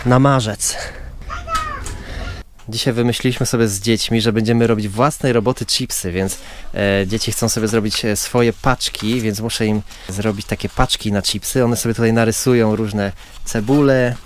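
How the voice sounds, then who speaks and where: There's a fairly low pitch and steady tone to this Polish father's voice as he narrates a how-to vlog outdoors by a caravan. He talks at a normal speed, casually explaining each step, over slight background noise.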